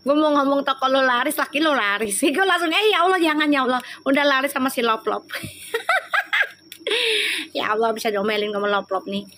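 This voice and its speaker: High-voiced chatty woman tarot reader. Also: slight background noise. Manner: jokey and teasing, bursts into loud laughter; slow, soft-spoken when praying. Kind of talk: live tarot reading, chatting with viewers.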